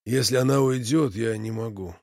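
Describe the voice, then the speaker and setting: A man's voice: medium pitch, moderate pace, no room sound, clean studio sound, close to an everyday voice. Strained middle-aged guy, choked theatrical voice, audiobook, done by the narrator. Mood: despairing.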